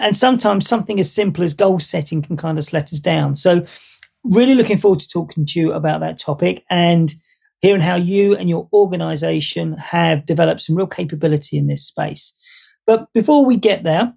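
A man's voice: high voice, gravelly, darkish tone, slightly rough. A man hosting a podcast interview, talking in a meandering way with frequent restarts. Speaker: podcast host.

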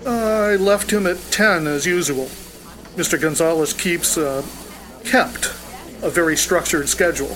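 A man's voice: a little high, measured pace, a bit bright, rough recording. A man voicing a formal, precise personal aide in an audio drama, answering questions stiffly and deferentially.

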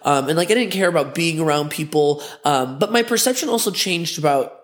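A young man talks straight to camera in a casual storytelling monologue. His voice sits a little high for a man. He rambles and stays candid and crude, with plenty of fillers. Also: brisk. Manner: candid, animated, frequent fillers and crude jokes. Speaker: host of a talk vlog.

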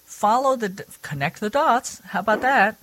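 A woman hosting a radio show, chatting casually with guests and laughing easily. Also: normal speed. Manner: chatty, laughs easily, lively pitch swings. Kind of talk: casual radio interview chat.

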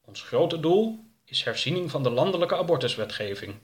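A man's voice: a little high, very animated, normal speed, pitched above the performer's own voice. A man voicing a self-assured older male politician in a storybook reading, earnest and self-satisfied.

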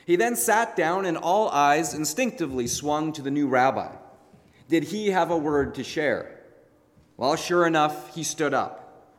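A male pastor preaches a narrative sermon, building drama with deliberate pauses. His voice sits a little high. A long reverb trails each phrase through the large church room. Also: animated. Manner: dramatic retelling with emphatic pauses. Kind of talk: sermon storytelling.

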